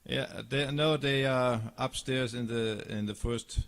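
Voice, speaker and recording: A man's voice: mid-range voice, steady tone, measured pace, a crowd in the background. A man with an Austrian German accent, a guest musician speaking politely and hesitantly, searching for words.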